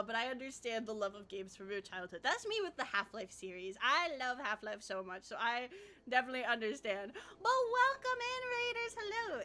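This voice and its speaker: A woman with a high, very bright voice streams a game and chats casually. She sounds cute and bubbly, like an anime streamer, with a giggly, self-deprecating way of talking. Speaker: streamer, VTuber. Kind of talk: casual livestream gaming chat.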